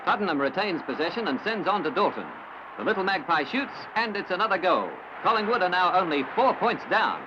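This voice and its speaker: High-voiced man in an old newsreel. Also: expressive. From Australia. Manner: brisk, formal announcer delivery. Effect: old newsreel recording. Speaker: newsreel commentator. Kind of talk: old newsreel sports commentary. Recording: dull lo-fi old film soundtrack with hiss.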